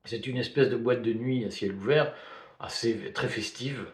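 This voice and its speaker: A man's voice: medium pitch, normal speed. A man from Belgium, giving spoken video commentary in a hesitant way, full of fillers and restarts. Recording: roomy echo.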